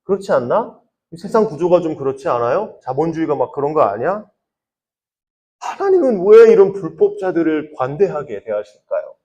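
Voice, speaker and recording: 질문을 던지며 말하는 높은 목소리의 젊은 남자. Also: male voice, on the high side, big pitch swings, normal speed, muffled recording. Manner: conversational, asks the listeners many questions; often drops to a soft, quiet voice. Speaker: youth pastor. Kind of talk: sermon to teenagers.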